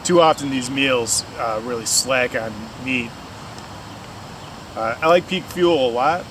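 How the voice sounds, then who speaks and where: A relaxed man in his forties chats to his camera at a campsite and talks while he rides, dropping easy fillers as he goes. Open-air hiss and ambience sit clearly under his mid-pitched voice. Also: a little slow. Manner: relaxed, chatty with frequent fillers. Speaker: vlogger. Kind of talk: casual outdoor vlog. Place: outdoors at a campsite and on a bike trail. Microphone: camera on a tripod, action cam while riding. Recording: noisy outdoor camera audio. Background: outdoor ambience.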